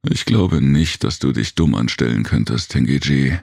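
A man with a very deep voice playing a tired, gruff alien man with big ears in a storybook reading, talking in a weary, curt way. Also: expressive, normal speed, a little mellow, dry recording, studio quality, heavily acted.

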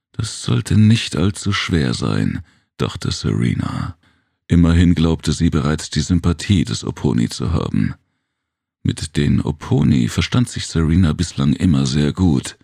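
A man narrating an audiobook story in a calm, measured way. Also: very deep voice, vocal fry, slightly rough, no echo, clean studio sound.

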